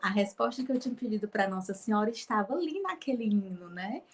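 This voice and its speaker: A woman shares her personal faith testimony as a guest, speaking fast in a mid-range voice with lively intonation. She tells it as a story, acting out past conversations, frequently adding "né?" tags, and often sounds close to tears.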